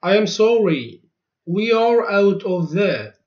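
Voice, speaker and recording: A man reads lesson phrases at a very slow, careful pace, repeating each one twice. His voice sits fairly high for a man. The recording sounds dull and lo-fi. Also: expressive. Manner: each phrase spoken twice, clearly and deliberately. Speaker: language teacher.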